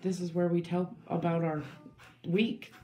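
A woman's voice: on the low side, flat delivery, measured pace, echoey room, background noise. A woman co-hosting a casual podcast chat, loose and jokey, rambling through stories. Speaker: podcast co-host.

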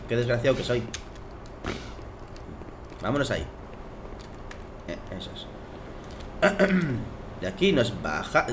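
Excitable Spanish gamer man, swearing. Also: medium pitch, slight background noise. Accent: Spain Spanish. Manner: excitable, swears and laughs at enemies. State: slightly hoarse from just waking. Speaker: gaming commentator. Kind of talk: let's play commentary. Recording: game music behind.

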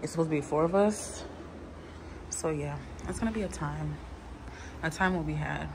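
Her voice low and gravelly at a normal speed, a young adult travel vlogger chats casually in slang to the camera. She films indoors in villa rooms on a phone held at arm's length, and the handheld audio is noisy.

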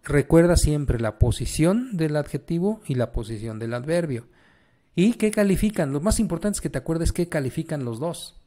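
A man's voice: a little high, warm tone. A man with a Mexican Spanish accent teaches an English grammar lesson. He keeps asking the learner questions and then answers them himself.

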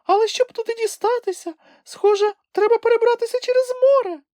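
A man's voice: very high-pitched, steady tone, brisk, darkish tone, dry recording, clean studio sound, voice pushed up. A man doing a squealing little furry creature girl. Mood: excited. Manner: squealing, breathless enthusiasm. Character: excitable small furry female creature.

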